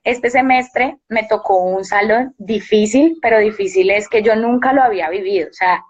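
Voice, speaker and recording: A woman's voice: fairly high pitch, dull audio. A young woman, a university teacher talking earnestly and reflectively as a guest in a casual live-stream chat. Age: young adult.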